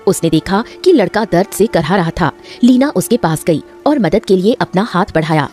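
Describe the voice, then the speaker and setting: A woman narrating a cartoon story with expressive, scripted storytelling. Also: fairly low pitch, normal speed, faint music behind.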